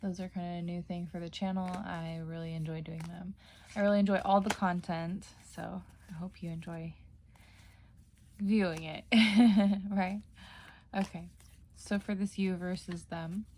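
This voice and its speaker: A woman's voice: lowish voice, flat delivery, unhurried, a little mellow, a little hiss or hum. A woman giving a casual tarot reading, chatty, with frequent fillers and self-corrections. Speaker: tarot reader.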